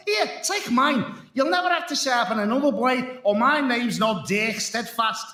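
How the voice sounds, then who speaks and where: An actor playing a boisterous, boastful veteran warrior hero in a video game. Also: male voice, very high voice, animated, normal speed, bright, forceful tone, full character voice. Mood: hearty. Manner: hearty, boastful, scoffing. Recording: roomy game cutscene audio.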